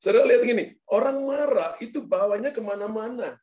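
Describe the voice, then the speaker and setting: A man's voice: very high voice, a little fast, a little mellow, reverberant. A male pastor preaching a sermon, telling a funny story and speaking directly to the congregation. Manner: playful, addresses congregation directly. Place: church.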